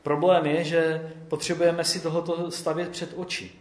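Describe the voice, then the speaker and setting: A man preaching a conversational sermon, often checking in with his listeners with a quick "jo?". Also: on the high side, level tone, reverberant.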